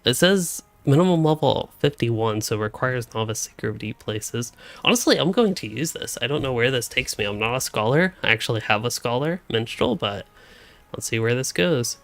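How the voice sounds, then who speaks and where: A man's voice: mid-range voice, expressive, moderate pace, a bit bright. A young man rambling through casual live-stream commentary while he plays, thinking aloud from a room at home on a desk microphone. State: hiccuping. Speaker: gaming streamer.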